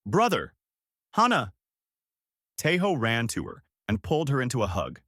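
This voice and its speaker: Male storyteller with a lively voice. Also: mid-range voice, a little fast, no room sound, studio quality. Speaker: narrator. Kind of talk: scripted narration.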